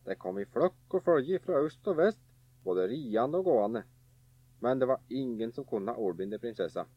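A man narrating a folk tale in a lively, animated way. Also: medium pitch, husky, no echo. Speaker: storyteller. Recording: dull, dry recording.

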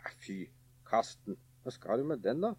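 A man's voice: mid-range voice, very animated, a little mellow, breathy edge, no room sound. A man voicing two scornful older brothers in a folk tale who scoff at their younger brother. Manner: dismissive, scoffing.

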